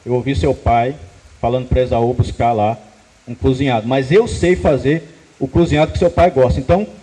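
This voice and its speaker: A man's voice: mid-range voice, fairly quick, warm tone, husky, long reverb tail, voice pushed down, close to an everyday voice, low-quality recording. A man voicing a scheming mother who plots in secret for her favorite son, as part of a casual sermon. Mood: conspiratorial.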